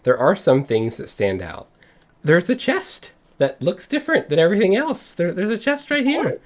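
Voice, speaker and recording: A man's voice: high-pitched, big pitch swings, normal speed. A man working as game master, improvising descriptive tabletop game narration in a conversational way.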